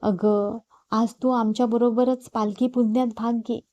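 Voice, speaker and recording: A woman narrator voicing a dignified older matriarch of a family who speaks in a gentle, measured way in a storybook reading. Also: fairly high pitch, flat delivery, dry recording, lightly acted. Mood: fond.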